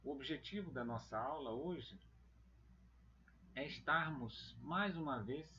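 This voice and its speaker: A man teaching a church Bible lesson, talking slowly and deliberately and calling his listeners beloved brethren. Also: fairly high pitch, lively intonation, bright, forceful tone, muffled recording, slight background noise.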